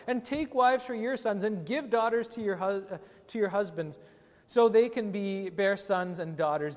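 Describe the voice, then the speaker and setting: A man, a pastor, delivering a sermon with an emphatic, rising and falling delivery. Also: fairly high pitch. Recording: long hall reverb.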